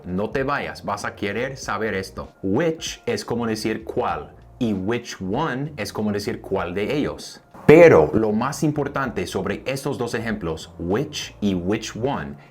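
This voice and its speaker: A man from the United States, a native English speaker, teaching a language lesson in Spanish and slowly repeating each example sentence. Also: fairly low pitch, slight background noise.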